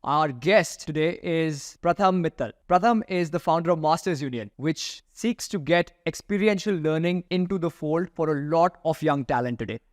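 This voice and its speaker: Male podcast interviewer, Indian accent, slightly high voice, dry close sound. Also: normal speed, hardly any pauses, no echo.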